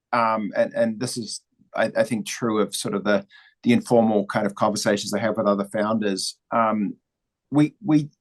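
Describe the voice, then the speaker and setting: A man's voice: on the low side, poor audio. A man from New Zealand with a New Zealand accent, talking as a guest in an interview in a thoughtful, reflective way. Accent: New Zealand, slightly Australian or American. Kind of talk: interview conversation.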